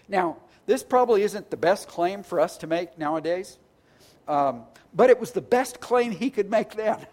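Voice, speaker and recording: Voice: mid-range voice, animated, normal speed, darkish tone. A pastor preaching a sermon in a conversational, earnest way, often restarting words and stacking phrases into lists.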